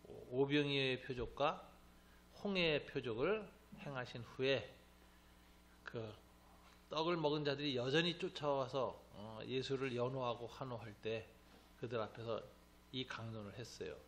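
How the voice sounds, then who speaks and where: A man teaching a Bible class as a pastor, lively and joking, acting out the voices of the people he quotes. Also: medium pitch, unhurried, a little hiss or hum. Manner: animated, acts out quoted voices, joking asides.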